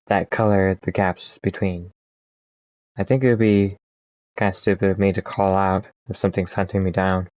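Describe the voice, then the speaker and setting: A man playing a text adventure game, reading its passages aloud slowly and commenting between them, with small slips and restarts, and troubled by hiccups. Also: fairly low pitch, darkish tone, dry recording, low-quality recording. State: has the hiccups. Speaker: let's play narrator.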